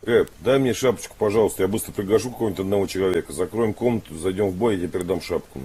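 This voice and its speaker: A man's voice: low-pitched, racing, crowd noise. A man in a game voice chat, curtly insulting another player. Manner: insulting, curt. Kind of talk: heated banter in game voice chat.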